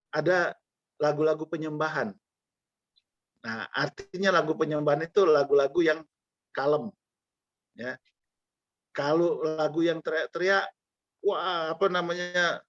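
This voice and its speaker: A man's voice: sits high, fairly bright tone, highs cut off. A man preaching a sermon in a conversational way, with jokey asides to the congregation.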